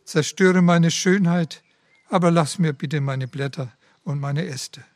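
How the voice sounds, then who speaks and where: A humble bamboo tree begs in a trembling, slow plea, its voice pitched a touch high, as a man reads it aloud. The storybook figure then sinks into hushed surrender. It is close and dry, with no room sound. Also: no room sound. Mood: pleading. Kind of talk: read-aloud parable.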